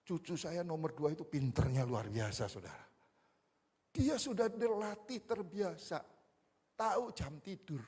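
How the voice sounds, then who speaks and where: Seorang pendeta pria yang lebih tua berkhotbah dengan gaya bercerita yang hidup, suaranya agak serak, dan ia terus menyapa jemaat sebagai "saudara". Sesekali ia menyelipkan kata-kata Jawa dan Inggris. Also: male voice, on the high side, a little slow, slightly rough. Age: older. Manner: animated storytelling, addresses the congregation as "saudara" constantly; mixes in Javanese and English words. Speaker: pastor. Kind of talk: sermon. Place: church hall. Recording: long church hall reverb.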